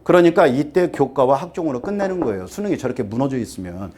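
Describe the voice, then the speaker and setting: A man in his fifties, an academy teacher, briefing parents in a lively lecture, firing rhetorical questions and getting worked up until he trips over his words. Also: medium pitch, fast, slight background noise. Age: 50s. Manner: animated, rhetorical questions, acts out students and parents.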